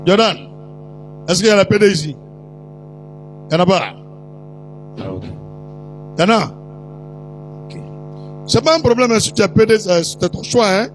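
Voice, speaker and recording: A man's voice: high voice, big pitch swings, moderate pace, long pauses, soft background music, poor audio. A man with an Ivorian French accent preaching a sermon, chatty and teasing as he talks straight to the congregation. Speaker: prophet preaching. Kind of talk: sermon storytelling.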